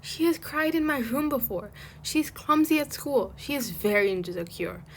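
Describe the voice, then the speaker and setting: A woman voicing an angry teenage girl in a storybook fanfic, reading her lines loud and raised. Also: lowish voice, unhurried, a little hiss or hum, natural voice. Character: furious teen girl, clumsy and insecure.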